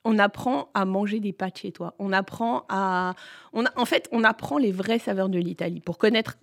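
An excitable woman hosting a relaxed food chat with chefs. She gushes and exclaims, often restarting her sentences as she talks, at an ordinary middle pitch. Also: moderate pace, gravelly. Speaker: food journalist and host.

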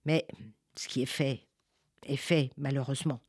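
A woman's voice: very deep voice, fairly even intonation, darkish tone, slightly rough, dry recording, studio quality, heavily acted. Woman voicing a wise, regretful old village elder. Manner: measured and regretful.

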